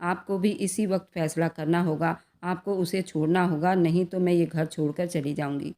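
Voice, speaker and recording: A woman's voice: on the low side, steady tone, normal speed, mellow, close to an everyday voice. A woman voicing an indignant, hurt middle-aged wife and mother in a storybook reading. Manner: indignant, pleading.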